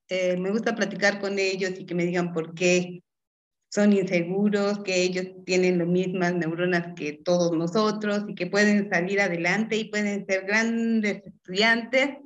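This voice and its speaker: A woman professor with a Mexican Spanish accent, answering interview questions. She talks in an encouraging way, laughs often and keeps checking in with a quick "¿sí?". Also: mid-range voice, lo-fi sound. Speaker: chemistry professor.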